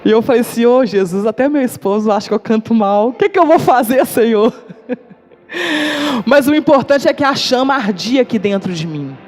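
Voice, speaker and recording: A woman's voice: a little high, expressive, moderate pace, a little mellow. A woman giving a testimony to a church congregation, telling her story vividly and acting out the dialogue she quotes. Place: church service.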